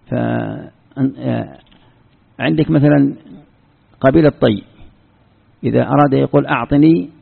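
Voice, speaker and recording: Gravelly-voiced man teaching in a tinny recording. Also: medium pitch. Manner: patient, repeats words for emphasis, gives examples. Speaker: Islamic scholar teaching Quran exegesis. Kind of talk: explanatory religious lecture.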